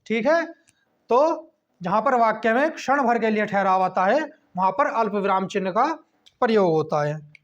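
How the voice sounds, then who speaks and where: A man's voice: sits high, expressive, moderate pace, fairly bright tone. Man teaching a class, dull lo-fi sound. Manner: checks in with "ठीक है" between points. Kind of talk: explanatory class lesson. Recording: dull lo-fi recording.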